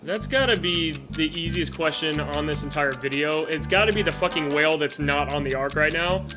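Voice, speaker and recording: A man's voice: on the high side, a little fast, over music. A young man hosting a reaction video, ranting in an exasperated, sarcastic way and swearing a lot.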